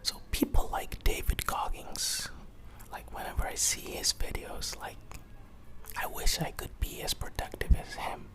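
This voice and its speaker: Slow, sore-throated whispering young vlogger. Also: rough recording. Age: young adult. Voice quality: breathy, unvoiced whisper. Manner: hesitant, apologetic, halting phrasing. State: sore throat, coughing, barely able to talk. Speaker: YouTube vlogger. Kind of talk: whispered confessional vlog. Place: small hot room without fan or air conditioning.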